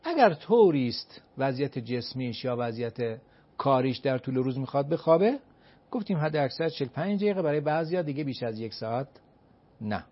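A man's voice: mid-range voice, expressive. Emphatic man giving advice, lo-fi. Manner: emphatic, asks and answers his own rhetorical questions; counts off points one by one. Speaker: advice-giving expert guest. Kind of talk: explanatory advice talk. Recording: dull lo-fi recording.

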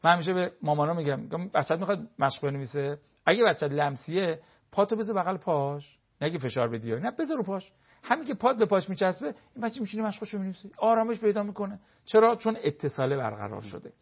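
A man's voice: high-pitched, slightly rough, lo-fi sound. A man speaking as a family counselor, explaining with everyday household examples and briefly acting out what spouses say. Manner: lively, acts out spouses' remarks in quotes.

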